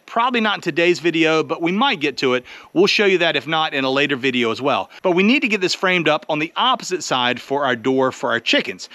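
Filming himself at arm's length with a handheld camera beside a chicken coop, a middle-aged homesteading channel host walks through the steps in a casual, practical way. His voice is a little high with a sharp tone.

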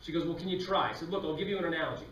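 A man's voice: fairly high pitch, very fast, slight background noise. A man giving a comedy talk and acting out voices as he tells stories to a live audience. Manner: animated, acts out voices while telling stories. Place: lecture hall with a live audience. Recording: echoey hall, from a distance.

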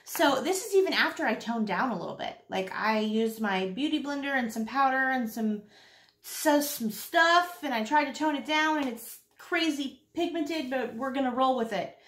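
High-voiced woman chatting in a roomy space. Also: animated, normal speed, a bit bright. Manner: chatty, repeats herself for emphasis. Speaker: beauty vlogger. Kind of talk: casual makeup tutorial chat. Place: small indoor room at home, seen on camera. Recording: roomy home recording with faint noise.

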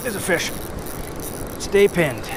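This man speaks with a New England accent, his voice high-pitched and very animated, yet he takes things slowly. He's a fishing vlogger casually narrating to camera, offering upbeat play-by-play as he fishes a river from a rocky bank outdoors. The head-mounted action camera picks up faint wind and river noise.

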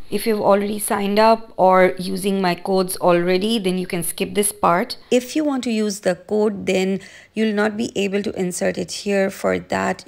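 A woman teaching a software tutorial in an upbeat, instructive way, her voice scratchy after being ill. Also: mid-range voice, creaky. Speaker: online business educator.

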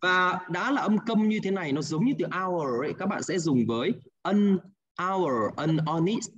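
Patient Hanoi teacher on a dull line. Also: male voice, high-pitched, lively intonation, normal speed, a bit bright, slightly rough. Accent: Hanoi Vietnamese. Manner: patient, repeats answers, ends with "đúng không ạ?". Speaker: English teacher. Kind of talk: online class, guiding students through exercises.

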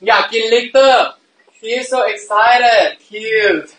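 A man's voice: sits high, extremely slow, fairly bright tone. Giggly man live-streaming in an echoey room. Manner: playful and giggly, often laughing. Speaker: livestream host. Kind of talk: casual live-stream chat. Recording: echoey room, mic at a distance.

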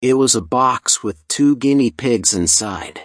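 A man reading a story slowly and deliberately for English learners. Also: medium pitch, expressive, no echo, clean studio sound. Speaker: narrator. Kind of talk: slow scripted story narration for English learners.

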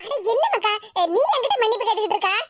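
Woman playing a kindly mother, Tirunelveli Tamil accent, gentle and calm, dry close sound. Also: very high voice, racing, dry recording. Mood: reassuring. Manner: gentle, soothing. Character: calm reassuring middle-aged mother.

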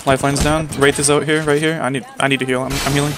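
A man's voice: a little high, level tone, fast talker. Crude joking gamer guy, fan noise. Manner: joking, crude, laughs often. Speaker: streamer playing with a friend. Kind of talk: casual gaming chat. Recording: loud fan noise behind the mic.

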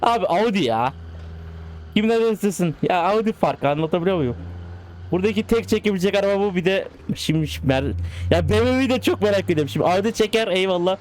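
Excitable young-sounding man narrating a driving game. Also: sits high, fast, a little hiss or hum. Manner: excitable, coaxing the cars like pets. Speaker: gaming channel host. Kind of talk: casual gameplay commentary.

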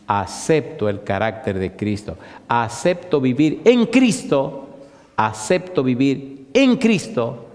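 A man preaching a sermon, firing rhetorical questions at the crowd and swinging from loud bursts to slow, hushed emphasis. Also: mid-range voice, big-room sound.

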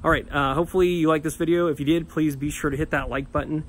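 Thirties homeowner host, slightly high voice, casual how-to talk, phone-recorded outside with clear background noise. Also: male voice, steady tone, fast. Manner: plain, with many fillers and restarts. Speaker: home maintenance channel host. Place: outdoors in a suburban yard. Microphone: phone camera at arm's length.

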